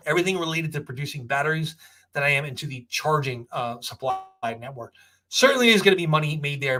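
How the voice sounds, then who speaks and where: A man's voice: fairly high pitch, pushed and bright. An American man hosting a casual question-and-answer talk, giving opinionated, off-the-cuff explanations and checking in with the listener as he goes. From Texas, United States. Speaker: host answering viewer questions on finance.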